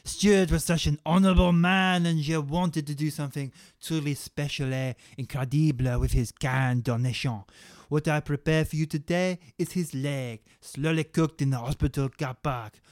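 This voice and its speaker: Brief: man playing a hammy fake-French cannibal chef, higher than usual, broken accent, radio comedy. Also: warm tone, clear, resonant tone, no echo, studio quality, close to an everyday voice. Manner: hammy, drawn-out, sprinkled with French words.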